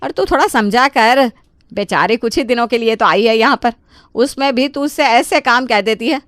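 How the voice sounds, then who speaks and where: A woman's voice: on the high side, big pitch swings, moderate pace, a bit bright, no room sound, studio quality. A woman voicing a middle-aged mother-in-law in a cartoon story, bossy and scolding. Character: middle-aged mother-in-law, easily swayed, sharp-tongued. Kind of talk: Hindi cartoon voice acting.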